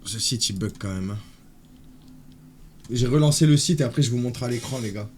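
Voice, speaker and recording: Crude-joking male streamer, mid-pitched voice. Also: moderate pace, slight background noise. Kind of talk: casual livestream chat.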